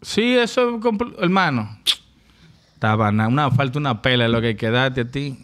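A man's voice: mid-range voice, animated, moderate pace, fairly bright tone. A man with a Dominican accent, a podcast guest in casual banter, teasing and blunt with plenty of swearing.

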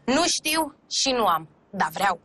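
A pushy secretary in a sitcom who nags her boss for a flat. Her voice is high and animated. She wheedles and insists. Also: noisy background. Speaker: mayor's secretary. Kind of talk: sitcom acting.

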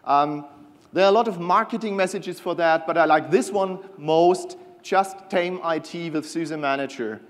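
Keynote man on a reverberant stage. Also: a little high. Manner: enthusiastic, slightly halting with fillers. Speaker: keynote presenter, product manager. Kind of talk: conference keynote with scripted banter. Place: large conference hall stage. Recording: long hall reverb.

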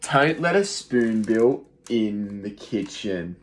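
Slow and lowish-voiced, a young adult male teacher reads a rhyming picture book aloud to young children with rhythm and expression. He is seated in a small room, recorded by a phone positioned close in front.

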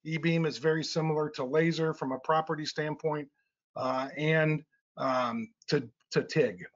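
A man's voice: on the high side, fairly even intonation, measured pace. A middle-aged man presenting technical slides in a webinar, explaining step by step with frequent uh and um fillers. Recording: slightly dull lo-fi webinar audio.

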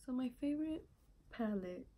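A woman's voice: high-pitched, normal speed, low-quality recording. A woman narrating a makeup tutorial in a casual way, cursing freely and dropping into whispered asides. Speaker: beauty vlogger. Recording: steady background noise.

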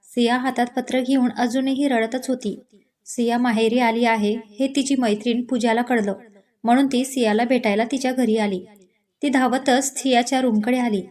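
A woman storyteller giving a steady, expressive scripted narration of a romantic story. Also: on the high side, moderate pace.

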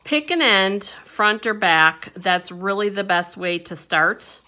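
Slow-talking woman explaining a craft. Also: medium pitch, animated, bright, forceful tone. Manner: unhurried, chatty step-by-step instructions with fillers. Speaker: papercraft instructor. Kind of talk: hands-on craft tutorial. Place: indoor craft table.

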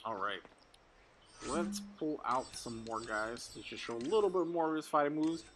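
A man's voice: mid-range voice, normal speed. Playful man narrating gameplay, noisy recording. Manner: playful, excitable, talks to his child while playing. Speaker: gameplay video host. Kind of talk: casual gameplay commentary.

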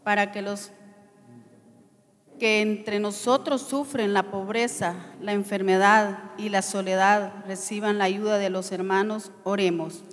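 A woman reading the prayers of the faithful at Mass in a measured, solemn cadence, her voice carrying a long cathedral echo. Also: medium pitch, fairly even intonation. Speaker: lector reading petitions at Mass. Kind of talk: liturgical reading of intercessions. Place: large church. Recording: long church reverb, faint noise.

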